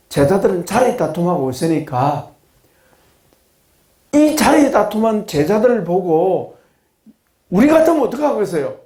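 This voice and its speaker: A man pastor teaching a Bible class in a sermon style, animated and humorous, firing rhetorical questions at his listeners. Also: sits high, roomy sound. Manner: humorous, acts out blunt reactions. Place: classroom of a study institute.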